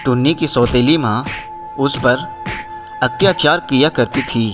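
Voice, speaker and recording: A woman narrating a children's cartoon story slowly, phrase by phrase. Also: extremely low pitch, music in the background. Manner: slow, phrase-by-phrase telling.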